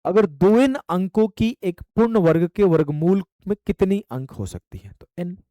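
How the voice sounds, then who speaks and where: A man's voice: high voice, animated, measured pace, dark tone, no room sound. A man teaching math in an online exam-prep lecture. He speaks straight to his students, asks them questions, and voices their answers back.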